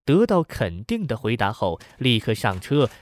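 A man narrating a novel in a measured, somber storytelling manner. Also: medium pitch, big pitch swings, no echo, clean studio sound. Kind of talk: audiobook narration.

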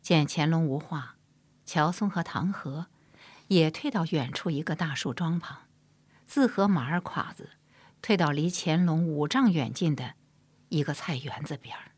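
A woman narrating a historical novel in a measured, soft-spoken storytelling style. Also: sits low, slightly rough, no echo. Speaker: audiobook narrator.

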